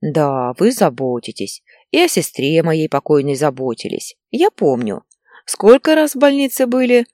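A woman's voice: deep voice, normal speed, no room sound, clean studio sound. A woman doing a caustic older aunt. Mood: scornful. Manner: calm, sarcastic, scornful.

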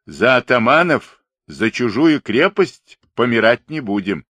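A man voicing a defiant Cossack centurion who shouts hoarsely and mockingly. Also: on the high side, huge pitch swings, unhurried, dry recording, voice pushed up, heavily acted. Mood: defiant shouting. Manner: mocking, scornful.

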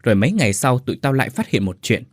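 A man's voice: medium pitch, sing-song, rapid-fire, no room sound, studio quality. A man doing a bossy, tearful female factory worker. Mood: sorrowful. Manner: bossy, scolding, then choked up.

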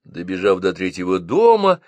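Lively, expressive male storyteller. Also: low-pitched, normal speed, dry recording. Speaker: narrator. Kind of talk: audiobook narration of a comic story.

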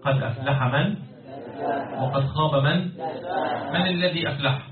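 A man's voice: fairly high pitch, moderate pace. A man with an Egyptian accent teaching Quran commentary and Arabic morphology, often stopping to quiz his students. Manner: keeps quizzing students and pressing them for answers. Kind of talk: classroom lecture with questions to students. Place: lecture hall with students. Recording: echoey, distant, phone-like, crowd noise.

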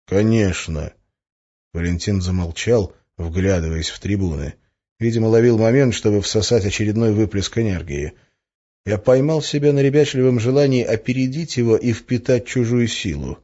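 Husky male audiobook narrator. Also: on the low side, normal speed, mellow, dull audio. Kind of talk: first-person audiobook narration.

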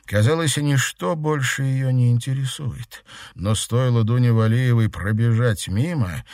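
A man reading an audiobook as narrator, in a steady, dramatic manner. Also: medium pitch, unhurried, dry recording, studio quality. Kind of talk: scripted narration.

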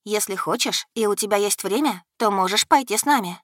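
A woman voicing a lively, caring young heroine with eager, animated speech. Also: medium pitch, a little fast, no room sound, clean studio sound, natural voice.

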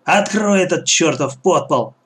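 A man voicing a harsh, bossy old female bandit leader who barks commands in a shrill voice. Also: lively intonation, measured pace. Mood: barking.

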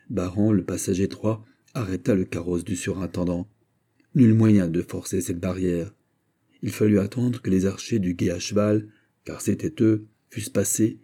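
Husky, dark-voiced male audiobook narrator. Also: on the low side. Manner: measured, dramatic reading.

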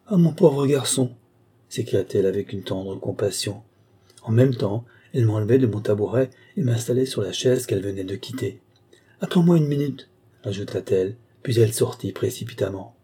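A man reading a classic novel aloud in a measured, even storytelling manner. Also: on the low side, husky. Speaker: audiobook reader. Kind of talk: literary narration.

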